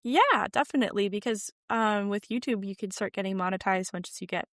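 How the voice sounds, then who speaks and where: A woman's voice: mid-range voice, fairly quick, no room sound. Chatty young woman, dry close sound. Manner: chatty, many "like" fillers, animated emphasis. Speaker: podcast guest, sewing content creator. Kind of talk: casual interview chat. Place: home room with yarn shelves.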